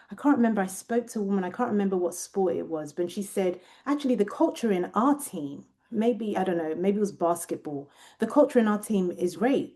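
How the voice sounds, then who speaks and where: A British Nigerian researcher with a British accent, appearing as an interview guest, reflects thoughtfully and often pauses to find her words, with many restarts. Her voice is mid-range and warm.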